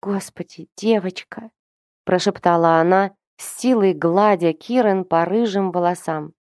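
A woman voicing a soft-hearted female demon who speaks in a hushed whisper. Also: lowish voice, normal speed, smooth, no echo, clean studio sound, lightly acted.

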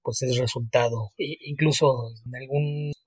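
Husky-voiced male podcast co-host. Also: medium pitch, fairly even intonation, no room sound. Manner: quick, chatty, filled with small restarts. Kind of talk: casual chat.

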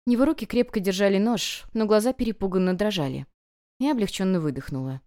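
Woman, audiobook narrator, first-person story, even scripted reading, medium pitch. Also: quick pace.

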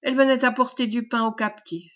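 A woman's voice: on the high side, steady tone, brisk, a bit bright, natural voice. A woman reading the speech of a humble peasant man who tells a grim tale with earnest fervor. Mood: fervent. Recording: dull lo-fi recording.

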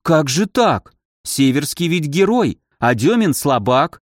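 A man's voice: on the high side, big pitch swings, takes it slowly, no room sound, studio quality. A man voicing a naive, indignant young granddaughter in an audiobook. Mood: surprised. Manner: indignant, surprised.

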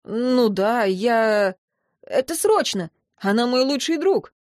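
A woman's voice: on the high side, expressive, slow pace, dry recording, clean studio sound. Woman doing a caring young best friend. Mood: apologetic. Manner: hushed, then soft and reassuring.

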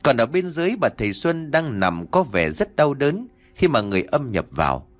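A man narrating a ghost story in an expressive storytelling manner. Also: medium pitch, normal speed. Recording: faint background music.

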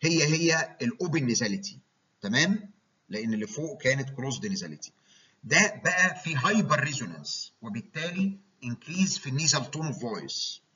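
Fast-talking Egyptian man lecturing. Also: mid-range voice, very animated, pushed and bright, husky. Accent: Egyptian Arabic. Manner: explanatory, checks in with listeners. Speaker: medical lecturer. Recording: dull lo-fi recording.

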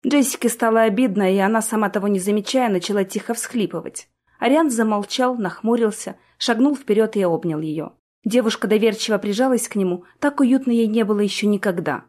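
A woman narrating a fantasy audiobook in a steady, even storytelling manner. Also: medium pitch, fairly quick. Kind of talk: scripted narration.

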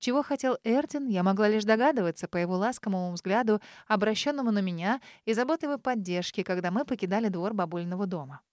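A woman reading first-person audiobook narration in an even storytelling manner. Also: mid-range voice, fast talker, hardly any pauses, no room sound, studio quality. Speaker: audiobook reader.

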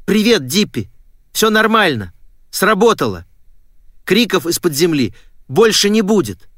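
A man voicing a young girl who shouts and pleads urgently. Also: high-pitched, very animated, a little slow, no room sound, studio quality, voice pushed up, heavily acted. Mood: excited.

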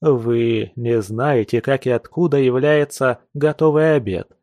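A man's voice: mid-range voice, fairly even intonation, unhurried, a little mellow, dry recording, close to an everyday voice. A man reading a classic novel aloud, voicing a passionate, earnest young nobleman with urgent, lecturing speech. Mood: fervent.

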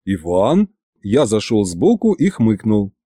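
A man's voice: medium pitch, big pitch swings, moderate pace, dark tone, dry recording, studio quality. A man reading an audiobook in first person, with a wry, theatrical delivery. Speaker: audiobook narrator.

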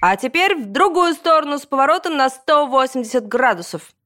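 A woman doing a shrill, bossy old gym teacher. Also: lively intonation, fairly quick, dry recording, clean studio sound, lightly acted. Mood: barking. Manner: barking drill commands.

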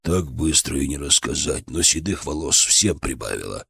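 Weary, calm male village leader in an audiobook, quiet and matter-of-fact, dry close sound, read by a man. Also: on the low side, moderate pace, husky, dry recording, exaggerated voice. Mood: tired.

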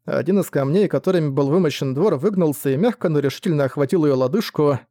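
Man, audiobook narration, measured, mellow tone, slightly high voice. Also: no echo, clean studio sound. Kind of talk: scripted narration.

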